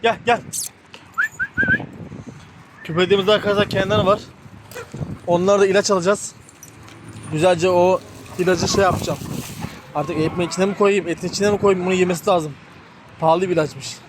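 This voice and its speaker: A man's voice: sits high, fairly even intonation, quick pace, pauses often, background noise. A man chatting casually to his viewers while tending his hens and chicks, often talking to the birds themselves. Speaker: poultry hobby vlogger. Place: outdoor chicken coop. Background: chickens and rooster clucking.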